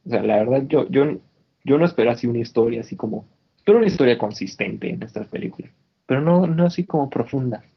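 Husky man, slangy and animated. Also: medium pitch, fast talker, muffled recording. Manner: animated, slangy, frequent restarts. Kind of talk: casual chat. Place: indoors in Canada.

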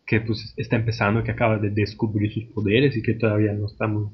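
A man's voice: lowish voice, monotone, fast, highs cut off, slight background noise. A man, chatting casually over a call with a dry, joking manner. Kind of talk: casual chat.

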